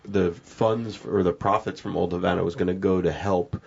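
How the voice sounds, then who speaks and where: A man's voice: deep voice, steady tone, normal speed, vocal fry, darkish tone, husky. A man hosting a podcast, chatty and casual, prompting his guests with questions. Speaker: podcast host. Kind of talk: casual interview talk. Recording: dull lo-fi podcast audio.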